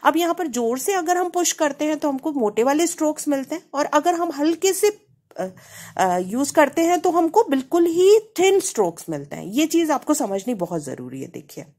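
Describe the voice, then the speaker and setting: A woman's voice: high-pitched, big pitch swings, moderate pace, darkish tone. A woman from India with an Indian accent, giving a casual painting tutorial in a chatty way and often checking in with her viewers. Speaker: painting teacher.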